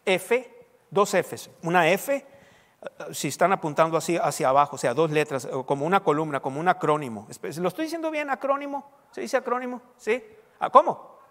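A man's voice: sits high, expressive, moderate pace, fairly bright tone. A man preaching a sermon as pastor, teaching and quizzing his congregation with call-and-response questions. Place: church hall. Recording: long hall reverb.

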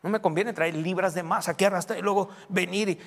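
A man, a pastor preaching a sermon, animated, who mimics how people pray. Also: high-pitched, brisk. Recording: hall with long reverb.

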